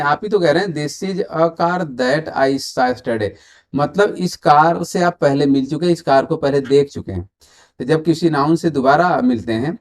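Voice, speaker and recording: A man with an Indian accent teaching English grammar online, mixing Hindi and English and quizzing viewers while he waits for their answers. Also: a little high. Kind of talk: online exam-prep grammar lesson.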